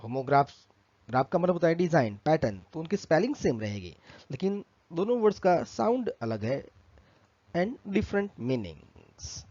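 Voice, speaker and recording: A man teaching in a lesson, explaining slowly and drawing out the key words. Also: a little high, big pitch swings, a little mellow, no room sound, highs cut off. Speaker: English tutor. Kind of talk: spoken language lesson.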